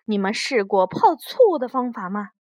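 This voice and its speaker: A woman's voice: on the high side, sing-song, normal speed, a little mellow, no echo, clean studio sound. A mother reading as a bossy neighbor woman. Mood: lecturing.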